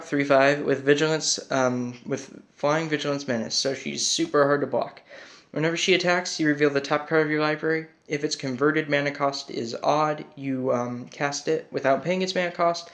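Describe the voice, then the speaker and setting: A man's voice: on the high side, a bit bright. A man with a whistling S sound, casually explaining a card game deck in an informal, slightly hesitant, self-conscious way. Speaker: trading card game hobbyist presenter.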